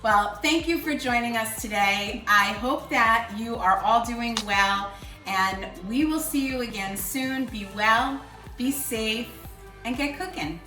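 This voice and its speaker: A woman's voice: on the high side, slow pace, sharp tone. A woman hosting a casual cooking show, explaining each step in a kitchen. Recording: echoey room, mic far off, background music.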